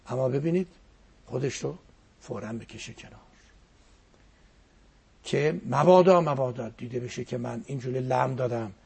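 Gravelly, husky man giving a religious talk. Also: medium pitch, long pauses, darkish tone. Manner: reflective, quotes verses and poetry. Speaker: cleric.

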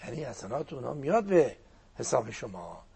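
An older man, a cleric whose first language is Azerbaijani Turkish, telling religious stories in an animated preaching manner with a husky, gravelly voice. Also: medium pitch. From Turkic-speaking region of Iran. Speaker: cleric guest speaker. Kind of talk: religious storytelling talk.

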